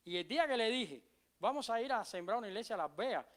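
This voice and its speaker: A middle-aged man from Cuba with a Cuban Spanish accent, preaching a sermon as pastor, emphatic and repeating key phrases, sometimes dropping to soft low asides. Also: lively intonation, fast talker.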